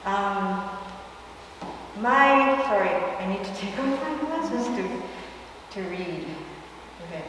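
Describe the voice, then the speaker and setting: A woman from Japan, giving an artist talk and reading haltingly from her notes in a gallery. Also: mid-range voice, animated. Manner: hesitant, soft-spoken, many pauses. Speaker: featured artist. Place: large art gallery. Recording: echoey gallery with long reverb, far from mic, background noise.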